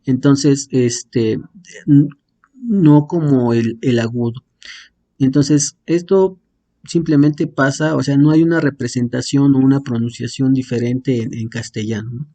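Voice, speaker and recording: A man's voice: medium pitch, steady tone, unhurried, mellow. A man explaining Greek marks as a teacher, hesitant, with many fillers and restarts, using homely comparisons. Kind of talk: explaining Greek accents to a class.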